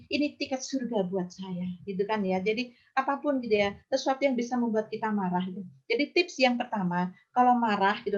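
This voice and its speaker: A middle-aged woman teaches religion in a gentle, homely way, with a slightly high voice. She often tacks a soft tag phrase onto the end of her sentences. The sound is dull and lo-fi, as over an online call. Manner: gentle, repeats "gitu ya" often.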